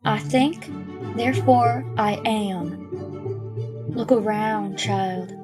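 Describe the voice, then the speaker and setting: Here the actress's mid-range female voice delivers measured, solemn, preachy lines as a pious and calmly menacing schoolteacher in a horror audio drama, backed by music.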